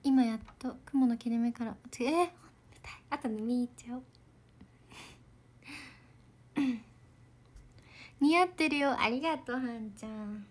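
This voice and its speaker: A young woman idol chatting casually on a livestream, bubbly and giggly, soft-spoken as she reads out viewer comments. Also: a little high, moderate pace, long pauses.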